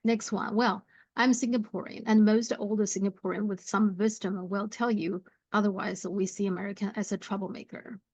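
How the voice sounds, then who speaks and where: Woman, commentary host, mid-pitched, raspy, dry close sound, measured delivery. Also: steady tone, a little mellow, no echo. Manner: reads comments aloud, then explains in a measured way with many "uh"s. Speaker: channel host reading viewer comments. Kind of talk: commentary on current affairs.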